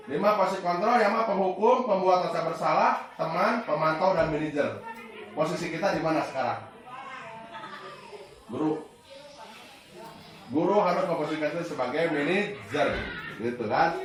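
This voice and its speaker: A man's voice: on the high side, normal speed, pauses often. Man teaching in a very echoey room. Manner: explanatory, acts out teacher and pupil lines with sudden shouts. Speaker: teacher presenting a training module. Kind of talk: classroom presentation. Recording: very echoey room, mic far off.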